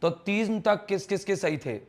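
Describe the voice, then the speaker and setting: A man's voice: high voice, measured pace, darkish tone. A man, teaching a live online English grammar class in a chatty, teasing way and quizzing students on their answers.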